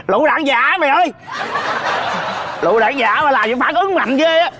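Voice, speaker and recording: A woman's voice: high voice, lively intonation, moderate pace, noisy background. A woman playing a cranky, scheming old man in a comedy sketch, blustering and making sly threats over a park bench. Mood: teasing.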